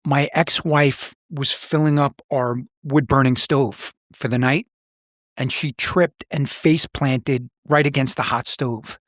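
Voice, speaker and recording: Speaking slowly and steadily, a middle-aged former police officer hosting a podcast reflects on his life in serious, plain-spoken conversation. His medium-pitched voice is a bit bright. The studio sound is clean, with no echo.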